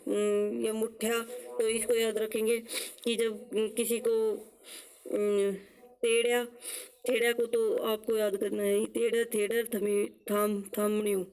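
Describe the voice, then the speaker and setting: A woman teaches an exam-prep lesson with memory tricks, her pitch a little high and staying flat. She repeats each term to drill it and answers her own rhetorical questions. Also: a little slow, low-quality recording. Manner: repeats words to drill them.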